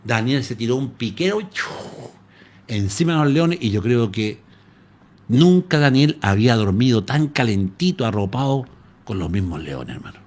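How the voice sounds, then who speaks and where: A pastor from Chile with a Chilean Spanish accent, preaching a live-streamed sermon in an animated storytelling manner. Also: male voice, medium pitch, moderate pace. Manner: animated storytelling, addresses listeners as "hermano".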